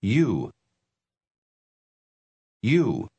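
Brief: American male drill speaker, deliberate and over-articulated, very lively intonation. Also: fairly low pitch, breathy edge. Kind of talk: slow syllable-by-syllable pronunciation drill.

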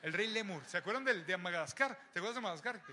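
A young man with a Mexican accent preaching an animated, joking sermon to young people, often raising his voice. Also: sits high, very fast. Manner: animated, joking, shouts to the crowd. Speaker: youth preacher. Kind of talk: lively sermon.

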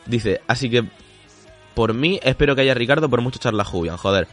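A man's voice: medium pitch, lively intonation, fairly quick, a bit bright, faint music behind. A man hosting a casual podcast chat, reading listener comments aloud, laughing often and swearing casually.

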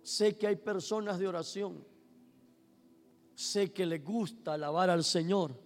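A man's voice: fairly even intonation, a little slow. Impassioned male preacher in a hall. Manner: swings from shouted exclamations to low, quiet storytelling. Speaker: pastor. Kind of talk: sermon.

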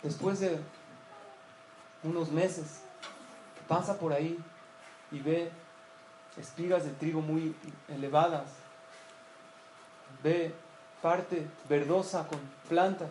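High-voiced man preaching in echoey room. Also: a little mellow, a little hiss or hum. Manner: storytelling, asks and answers questions. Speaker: rabbi giving a talk. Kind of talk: sermon. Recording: echoey room with faint ambience.

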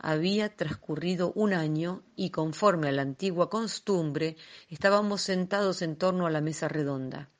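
Lady reading an old story out loud, low voice, calm and expressive. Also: moderate pace. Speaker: reader. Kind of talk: audiobook reading of a classic tale.

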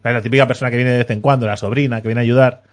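A man tells a story in relaxed podcast chat. His voice sits at an ordinary middle pitch, and he puts on the voices of the people in his story with a playful, teasing edge. Faint music runs underneath. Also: rapid-fire. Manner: animated, acts out quoted people, teasing.

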